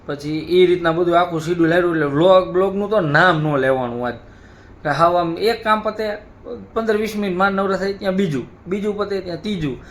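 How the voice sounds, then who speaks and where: A man's voice: sits high, brisk. A man, hosting a family vlog and casually telling how the day went. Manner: relaxed storytelling, conversational. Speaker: family vlogger. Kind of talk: casual chat.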